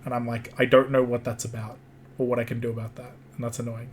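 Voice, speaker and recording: A man's voice: medium pitch, little pitch movement, quick pace, slight background noise. A man streaming a game, chatting casually and rambling, often repeating himself.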